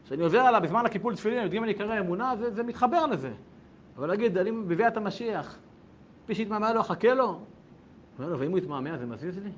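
A man teaching a religious lesson to a group, firing rhetorical questions and swinging between hushed asides and loud bursts. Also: sits high, lively intonation, dull audio, slight background noise. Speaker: rabbi teaching a class.

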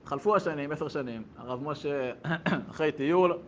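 A man telling a story in casual spoken style, lively and animated as he acts out characters. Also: on the high side, muffled recording, slight background noise.

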